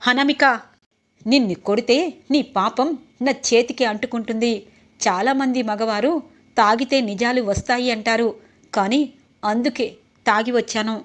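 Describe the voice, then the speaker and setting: An indignant young man from a serial, drunk and accusing his wife, read by a woman in her own voice. The delivery stays slightly high and plain. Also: steady tone, normal speed, long pauses, close to an everyday voice.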